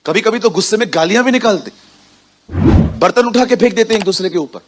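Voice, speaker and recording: A young man preaches in a loose, conversational way, turning to the congregation again and again with questions. His voice sits a little high for a man. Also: quick pace, background noise. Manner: conversational, quizzes the congregation, mixes in English words. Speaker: pastor. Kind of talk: sermon.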